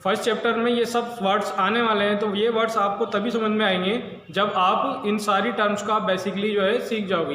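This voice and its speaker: High-voiced man teaching in an echoey room. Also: fairly bright tone. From India. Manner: explains slowly, asking and answering his own questions. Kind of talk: blackboard lesson. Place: classroom with blackboard. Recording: very echoey room, long reverb, faint noise.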